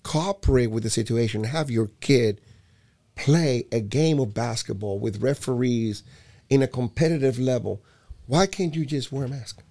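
A man from Puerto Rico talks casually and emphatically about youth sports. He presses his points hard and restarts phrases with repeated words, and his voice sits at an ordinary middle pitch. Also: normal speed, warm tone. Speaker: youth basketball program director. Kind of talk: casual conversation.

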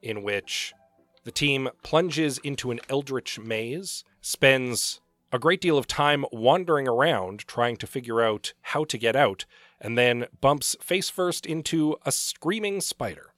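A man's voice: medium pitch, lively intonation, a little slow, a bit bright, dry recording. A man co-hosts a casual book podcast in a middle-register voice. He sounds scratchy and a bit wheezy, as someone does when getting over a cold. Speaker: podcast co-host. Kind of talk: casual book recap chat.

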